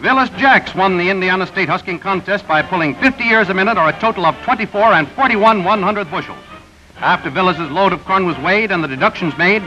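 A man reading scripted newsreel narration in a brisk announcer delivery, heard through an old 1930s newsreel soundtrack. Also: high voice, pushed and bright. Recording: dull lo-fi 1930s newsreel with music. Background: music bed.

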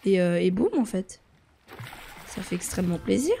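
A young man giving excitable gameplay commentary as a YouTuber, jumping between yelps and muttering to himself. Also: sits high, normal speed, gravelly, breathy edge. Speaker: gaming YouTuber.

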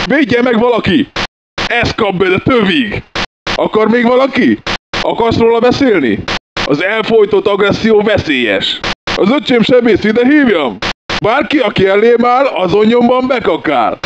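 A man voicing a brash, crude game soldier, barking orders and taunts in a fan-made game dub. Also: high-pitched. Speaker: game character voice lines. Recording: dull lo-fi recording with noise.

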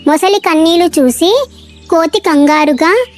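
A woman narrating a children's cartoon story in a bright storytelling way. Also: extremely high pitch, unhurried, soft background music.

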